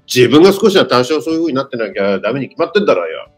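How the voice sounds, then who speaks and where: A man hosting a casual talk with students, teasing them in a rough, blunt way. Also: mid-range voice, very animated, fast talker, a little hiss or hum. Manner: brusque, teasing, rough-spoken. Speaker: free school counselor hosting a talk.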